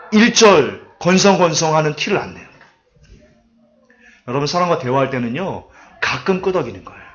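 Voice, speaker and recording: Lively male preacher, lo-fi recording. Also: a little high. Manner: lively storytelling with acted-out quotes and asides. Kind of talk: sermon lecture. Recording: dull lo-fi recording.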